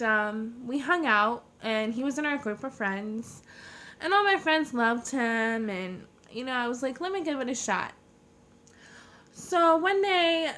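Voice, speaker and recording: A young American woman vlogging a casual personal storytime in a halting, informal way, leaning hard on the openers of her sentences. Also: a little high, pushed and bright. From United States. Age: young adult.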